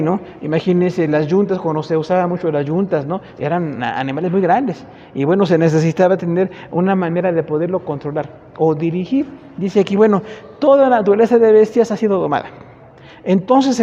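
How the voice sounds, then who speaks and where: A man with a Mexican Spanish accent teaches a Bible class in a high, mellow voice. He talks conversationally, often tagging sentences with rhetorical questions. The muffled, lo-fi recording carries a long church-hall echo.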